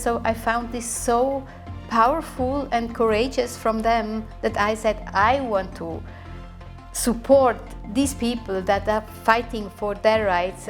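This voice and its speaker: A woman in her sixties, a diplomat, answering an interview question in a hesitant way with many fillers and restarts. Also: on the high side.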